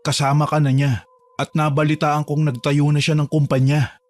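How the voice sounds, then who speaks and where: A man voicing a calm, protective gardener who reassures a trapped girl in a horror drama. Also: moderate pace, dry recording, lightly acted. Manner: calm, reassuring, low-key. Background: faint music.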